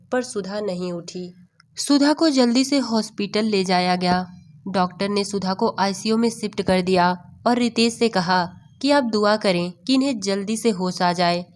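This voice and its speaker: A woman storyteller narrating a scripted story in a calm, measured reading voice. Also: mid-range voice.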